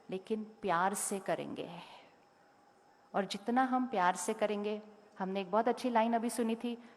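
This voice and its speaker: A woman giving a talk to a school audience, asking them questions and telling them what to do. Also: medium pitch. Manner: directly questions and instructs the audience. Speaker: motivational speaker. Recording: long hall reverb.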